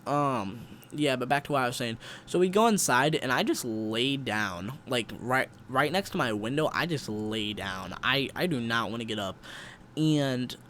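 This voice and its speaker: A young man telling a long rambling story in slang, with restarts and loud bursts when he quotes people. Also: medium pitch, expressive, moderate pace, slight background noise. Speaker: storyteller vlogger. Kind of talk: casual storytelling.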